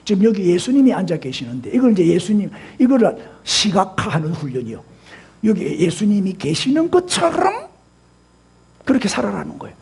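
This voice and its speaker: Male pastor, emphatic sermon voice, strongly raspy and high. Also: darkish tone. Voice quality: husky. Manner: emphatic, asks the congregation rhetorical questions. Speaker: senior pastor.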